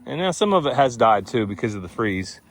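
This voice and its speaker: Outdoors on his farm, a man hosting a vlog chats casually and teases in a folksy, drawling way, with farm animals audible behind him. His voice is mid-range with big pitch swings, and he talks a little fast. There's a slight hiss or hum on the recording.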